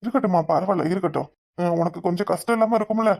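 A woman's voice: on the low side, racing, gravelly. A woman voicing a sick, self-pitying old village father in a cartoon, with a southern Tamil accent. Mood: mournful. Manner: weary, guilt-ridden, soft. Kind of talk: cartoon voice acting.

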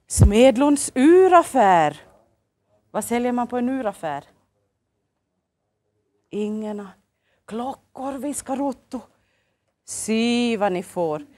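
A woman's voice: on the high side, a little mellow. Cheerful Finland-Swedish woman hosting kids' TV. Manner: cheerful, sing-song, coaxing questions to children. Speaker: children's TV show host. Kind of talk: lively children's TV hosting. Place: local TV studio.

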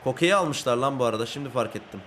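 A man giving excited live commentary on his football video game, yelling at and scolding his players, then dropping to a mutter, recorded in a room at home at night. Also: medium pitch, fast talker, a little hiss or hum. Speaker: gaming YouTuber.

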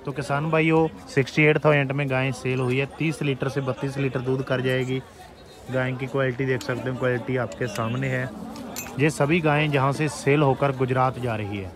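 Host at an outdoor cattle market, man, mid pitch, steady plain delivery, talks to farmers. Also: normal speed, crowd noise. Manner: plain and steady, addresses farmer brothers directly. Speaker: channel host. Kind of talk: presenting cattle rates to farmers.

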